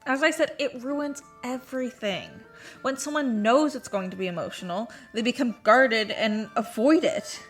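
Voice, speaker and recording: A woman's voice: a little high, moderate pace, faint music behind, lightly acted. Blunt teasing medical student, voiced by a woman. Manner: blunt, teasing, matter-of-fact.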